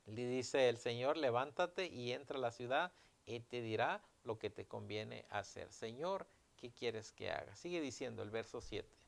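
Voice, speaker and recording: Male pastor, gravelly mid-range voice, preaching with emphatic swells. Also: mid-range voice, moderate pace. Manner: preaching with emphatic rises, retelling scripture dialogue. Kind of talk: sermon.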